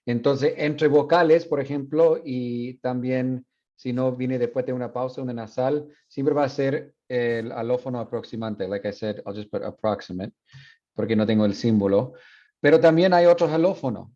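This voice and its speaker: A university teacher explaining sound changes in a bilingual classroom lecture, mixing in English asides with frequent fillers. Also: male voice, medium pitch, normal speed, mellow, dull audio. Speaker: university Spanish phonetics teacher.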